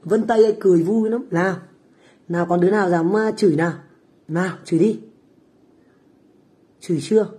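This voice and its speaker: Woman, middle-aged, foul-mouthed, taunting livestream chat, mellow dark tone. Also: on the low side, a little fast, pauses often. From Vietnam. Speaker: livestream host, food stall owner. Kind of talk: casual livestream chat with viewers. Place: home kitchen, abroad.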